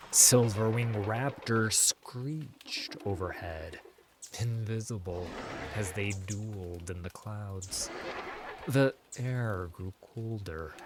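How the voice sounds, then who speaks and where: Reading a fantasy tale from a script, a man with a fairly low voice narrates very slowly and deliberately, punctuating it with dramatic pauses.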